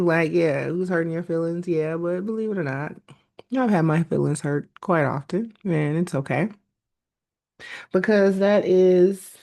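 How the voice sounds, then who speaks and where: A woman's voice: low voice, darkish tone. A woman hosting a podcast, speaking in an earnest, preachy solo monologue straight to her listeners. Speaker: podcast host.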